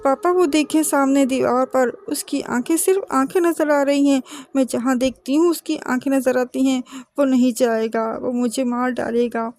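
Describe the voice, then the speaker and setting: A woman voicing a frightened young girl in a horror story, pleading for help in a high, panicked voice. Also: steady tone, a little mellow, natural voice. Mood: terrified.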